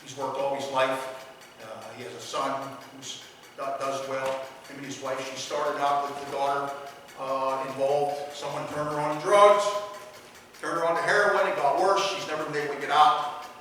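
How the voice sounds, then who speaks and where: A man's voice: mid-range voice, flat delivery, normal speed, sharp tone. A man from a sheriff's office giving a talk to an audience. He talks conversationally, repeats himself and asks the room "okay?" and "right?". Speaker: public speaker from a sheriff's office. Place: large echoey hall with an audience. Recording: echoey hall from far off, faint hiss.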